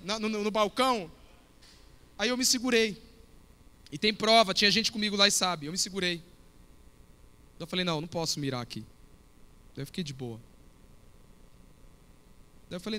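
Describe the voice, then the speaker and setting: A youth pastor preaching with a high, bright, forceful voice. He talks casually and tells stories, speaking straight to the young people in front of him. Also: a little fast, long pauses. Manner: storytelling, conversational, addresses audience directly. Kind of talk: sermon.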